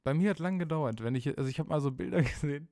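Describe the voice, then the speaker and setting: A young man in casual chat, relaxed and rambling, laughing often. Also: fairly high pitch, very fast, no room sound, studio quality. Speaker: podcast co-host.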